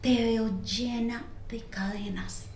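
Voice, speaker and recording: A woman voicing a fervent Pentecostal woman who prays over someone in a slow, hushed, whispery voice. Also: sits high, far from the mic, a little hiss or hum. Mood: solemn. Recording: echoey room.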